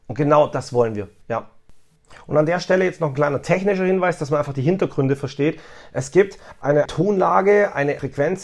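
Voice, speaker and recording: A man giving a telephone sales training talk, explaining step by step and acting out sample greetings with emphasis. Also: medium pitch.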